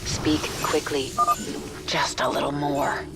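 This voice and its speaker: Imperious hive-mind swarm queen, slow, menacing. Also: deep voice, level tone. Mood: impatient, imperious. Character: fierce, imperious woman commanding an alien swarm. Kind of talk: video game character acting. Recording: loud game music behind.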